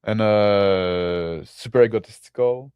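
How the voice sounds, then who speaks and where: Low-voiced man rambling about tabletop games. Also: slow, clear, resonant tone, no room sound, highs cut off. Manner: rambling, many fillers and restarts. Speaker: podcast co-host.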